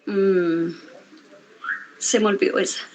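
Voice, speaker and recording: Hesitant woman student reading slowly. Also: medium pitch, steady tone, a little mellow, low-quality recording. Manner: slow, hesitant, sounding out words. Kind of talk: reading aloud in class.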